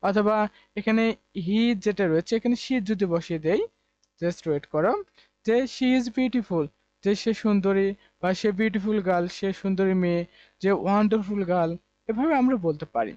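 A man's voice: high voice, fairly quick, darkish tone, dry recording, dull audio. A man from Bangladesh teaching an online English lesson, repeating word forms over and over and explaining with many fillers. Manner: repetitive drilling of pronunciations.

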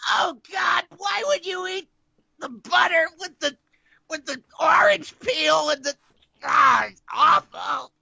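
A man voicing a manic male bear animatronic from a game, with a gravelly, shouting, theatrical voice. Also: very high voice, slow, highs cut off, exaggerated voice. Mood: disgusted. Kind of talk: game character voice.

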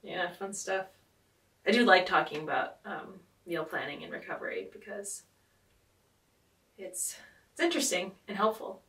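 Bright-voiced woman hosting a podcast. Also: on the low side, normal speed, pauses often. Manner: rambling, filler-heavy, frequent "like". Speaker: podcast host. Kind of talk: casual podcast chat. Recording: roomy, distant mic.

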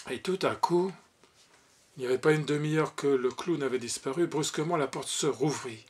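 A man reading a short story aloud as an audiobook, expressive, giving the characters' lines their own voices. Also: a little high, moderate pace, husky. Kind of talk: audiobook narration.

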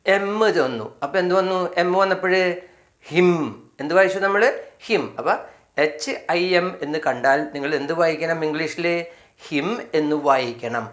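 In this beginner phonics lesson, a Malayali-accented teacher walks through English words one at a time, slowly repeating each and answering his own questions. His voice is medium in pitch with a fairly bright tone.

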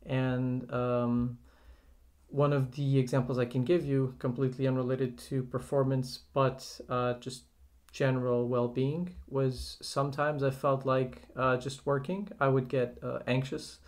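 Brief: nutrition coach from Portugal, flat delivery, reflective and measured, many "uh"s. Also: male voice, medium pitch. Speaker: nutrition coach, podcast guest. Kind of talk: casual conversational podcast.

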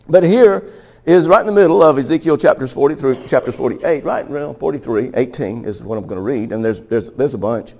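A man's voice: medium pitch, animated, normal speed, vocal fry, darkish tone. A man preaching a Bible teaching sermon in a conversational way. He laughs now and then and often stumbles and restarts his sentences. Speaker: pastor.

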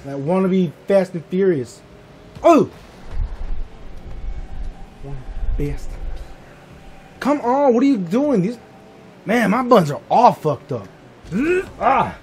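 A man giving live commentary while playing a game, swearing freely and shouting short reactions at his teammates. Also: sits high, big pitch swings, slow, long pauses, slight background noise. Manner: profane, exasperated outbursts at teammates. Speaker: gamer.

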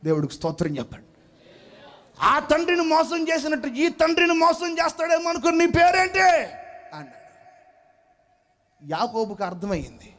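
A man's voice: extremely high pitch, big pitch swings, a little fast, a bit bright. A male pastor preaching a sermon, telling a story with acted-out voices and questions to the congregation.

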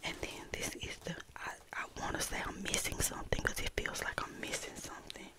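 American woman whispering softly right in your ear. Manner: unhurried, chatty, close-up talking. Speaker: vlogger. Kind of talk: ASMR whispered vlog, casual chat. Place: bedroom, indoors. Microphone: small desktop condenser mic held close.

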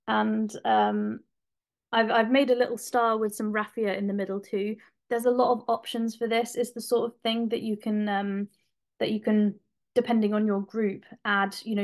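Woman presenter, mid-pitched, casual and chatty, speaking over a laptop mic at home for a webinar. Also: a little mellow. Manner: chatty, informal, with fillers and restarts. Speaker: craft presenter. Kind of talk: live webinar demonstration.

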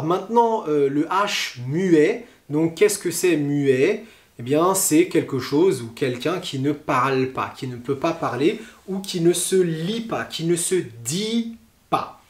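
A man with a French accent teaching a pronunciation lesson online, explaining slowly and patiently with frequent hesitations. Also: on the high side, reverberant.

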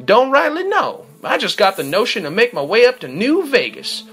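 A high, drawling cowboy robot. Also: male voice, huge pitch swings, normal speed, a bit bright, slightly rough, faint music behind, heavily acted. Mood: folksy drawl. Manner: drawling country talk. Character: folksy cowboy robot, male, slow and evasive.

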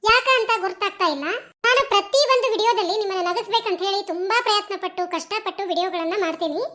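A channel creator with a North Karnataka Kannada accent speaks straight to the viewers. The voice sits extremely high, and the tone is bright and sharp. The delivery is earnest and pleading, with a light laugh running through it. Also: fast. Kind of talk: direct appeal to viewers.

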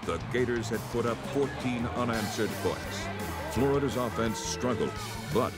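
A man reading scripted narration for a sports season highlight film. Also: normal speed. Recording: loud music under the narration. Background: loud music.

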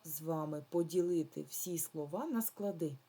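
Woman, primary teacher, remote lesson for children, slow patient delivery, husky lowish voice. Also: mellow.

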